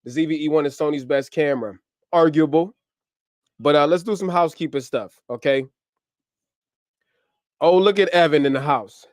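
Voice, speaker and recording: A man from the US hosts a casual livestream at home, reeling off upbeat, slangy shout-outs. He is running on little sleep, and his voice sits a bit high. The sound is dry and close, with no room echo. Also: normal speed, pauses often. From US, grew up in Ohio. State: short on sleep. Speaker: livestream host. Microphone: camera mic on a livestream setup.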